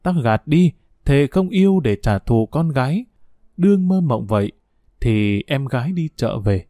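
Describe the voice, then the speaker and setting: A man's voice: medium pitch, lively intonation, a little slow, dark tone, no echo, clean studio sound. A man reading a novel aloud as an audiobook narrator, telling a wistful first-person story.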